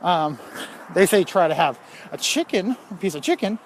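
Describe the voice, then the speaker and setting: A man's voice: high voice, lively intonation, normal speed, a little hiss or hum. A man talking casually while out walking, rambling and candid with lots of fillers, a little out of breath. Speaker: fitness vlogger. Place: outdoors on a walk.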